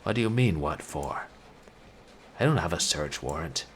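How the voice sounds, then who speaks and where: A man's voice: low-pitched, expressive, moderate pace, a bit bright. A man voicing an exasperated, skeptical police detective in game dialogue, with an incredulous, challenging manner. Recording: clearly noisy background.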